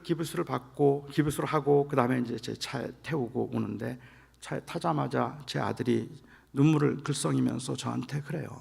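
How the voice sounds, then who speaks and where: A middle-aged male pastor preaching a revival sermon, telling a personal story in a storytelling manner that rises to shouted emotion when he quotes himself. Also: mid-range voice, creaky, breathy edge. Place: large church sanctuary. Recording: long hall reverb.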